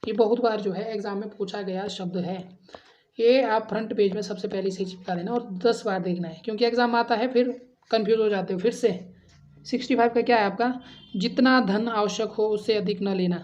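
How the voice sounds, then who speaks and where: A woman's voice: mid-range voice, steady tone, brisk, darkish tone. A woman teacher going through exam grammar questions, reading options aloud and asking her students for the answer before giving it, in dull lo-fi audio. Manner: addresses students as friends, asks and answers quiz questions; drills answers, repeating option letters. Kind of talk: Hindi grammar exam lesson.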